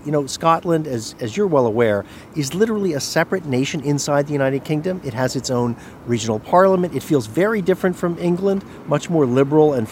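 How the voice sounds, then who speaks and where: A man working as a radio correspondent, explaining a story in a relaxed back-and-forth with small restarts. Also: medium pitch, slight background noise. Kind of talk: reported news conversation.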